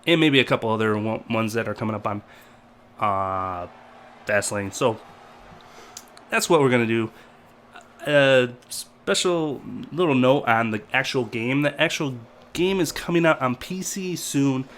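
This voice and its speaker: This man co-hosts a casual wrestling review show, chatting loosely and rambling a bit. His medium-pitched voice is fairly bright with lively intonation and a slightly slow pace, though a lingering cold leaves him stuffy.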